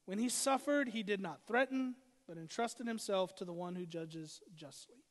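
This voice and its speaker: A man's voice: high voice, normal speed, in a large hall. A man preaching as pastor, building emphasis through repeated short phrases. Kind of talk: sermon.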